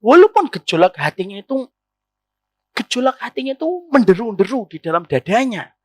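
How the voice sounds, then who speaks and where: A man's voice: high voice, very animated, brisk, no echo. A man preaching an Islamic sermon to women, often putting rhetorical questions to his listeners.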